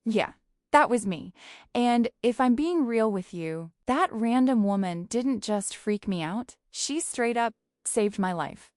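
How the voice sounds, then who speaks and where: A woman's voice: fairly high pitch, expressive, slow pace, darkish tone, dry recording, studio quality. A woman narrating a first-person story in a casual, slangy, conversational way.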